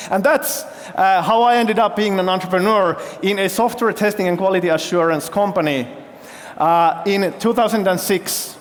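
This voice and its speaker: Male CEO, fairly high voice, keynote storytelling with audience questions, long hall echo. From Finland. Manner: engaging, quizzes the audience with show-of-hands questions. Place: large festival hall stage.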